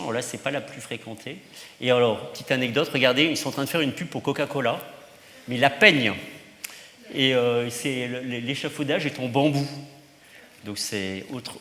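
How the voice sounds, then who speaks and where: A man's voice: mid-range voice, pushed and bright, slight background noise. Priest, male, casual and rambling with asides; roomy reverberant hall sound. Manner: chatty, many fillers and asides. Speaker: priest giving a teaching. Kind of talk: informal talk to teenagers.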